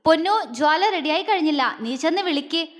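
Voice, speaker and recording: A woman voicing a gentle, affectionate young man in an audio story, speaking softly and soothingly. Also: high voice, expressive, moderate pace, in a large hall. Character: gentle caring older-brother type young man.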